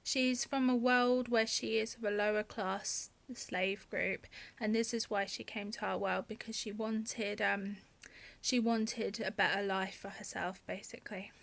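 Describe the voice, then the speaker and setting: A woman's voice: medium pitch, level tone, unhurried, vocal fry, a bit bright. A woman author hosting her own channel, talking casually with many ums and restarts. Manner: hesitant, many fillers and restarts. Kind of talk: casual vlog talk.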